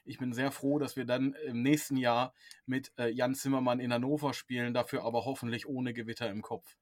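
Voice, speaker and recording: A man from Germany co-hosting a casual football podcast, pausing often with fillers. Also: mid-range voice, little pitch movement. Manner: hesitant, many fillers. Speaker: podcast co-host.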